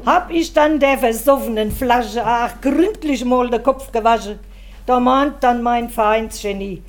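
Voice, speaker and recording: A woman delivering a rhymed comic monologue in a wry, deliberate way. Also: fairly high pitch, a little hiss or hum. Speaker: comedian. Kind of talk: rhymed comic monologue about her husband.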